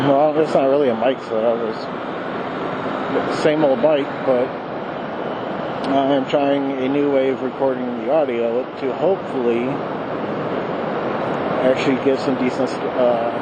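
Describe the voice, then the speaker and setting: A man's voice: mid-range voice, highs cut off. Man vlogging from inside a helmet, very noisy. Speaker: motorcycle vlogger. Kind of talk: casual rambling talk to viewers. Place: riding a motorcycle outdoors, inside a helmet. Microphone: wired mic in helmet to voice recorder. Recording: inside a helmet, loud wind and engine noise.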